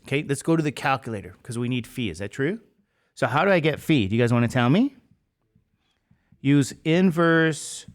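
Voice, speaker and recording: A man teaching a math class, lecturing with quick questions to the students that he answers himself. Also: mid-range voice.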